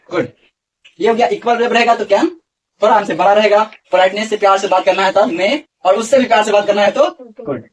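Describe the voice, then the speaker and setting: A man's voice: high-pitched, distant mic. A man teaching a grammar lesson to a class, often asking questions and repeating the answers.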